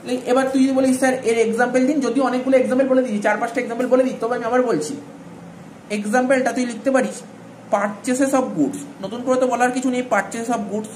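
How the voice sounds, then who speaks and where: A man's voice: very high-pitched, fairly even intonation, fast, a little mellow. A man teaching accounting in an informal lecture, talking straight to his students and checking often that they follow. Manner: informal, addresses students directly with frequent "all right?" checks. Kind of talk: classroom-style lecture. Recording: echoey room with faint ambient noise.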